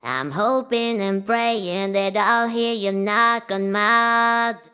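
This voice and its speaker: A man's sung vocal run through a formant-shifted, cartoonish AI voice model, sounding high, small and unnatural. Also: slow pace, sharp tone, clear, resonant tone, faint music behind, heavily acted. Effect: formant-shifted cartoonish AI singing voice. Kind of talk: singing a slow pop vocal line.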